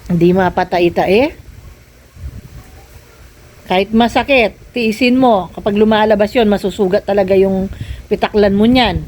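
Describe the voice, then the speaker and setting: A woman's voice: medium pitch, a little slow, pauses often, darkish tone, poor audio. An older woman vlogging at home, nagging and scolding a younger relative in casual talk. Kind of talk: casual family vlog, scolding.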